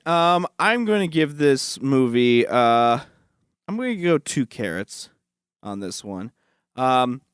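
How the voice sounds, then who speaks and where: A man co-hosting a film podcast, relaxed and measured as he gives his rating. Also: mid-range voice, smooth, dry recording, clean studio sound. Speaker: podcast co-host. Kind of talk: casual film review chat.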